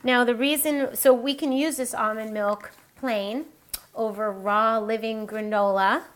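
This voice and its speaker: A woman's voice: on the high side, fairly even intonation, a little slow, fairly bright tone. A woman hosting a cooking demonstration, chatting and explaining each step as she works. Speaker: cooking show host. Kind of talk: casual recipe demonstration.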